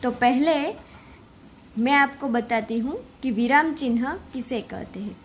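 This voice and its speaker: Slow, patient woman teacher. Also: sits high, a little hiss or hum, low-quality recording. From Gujarat. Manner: slow, patient explaining, reading examples aloud. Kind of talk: Hindi grammar lesson.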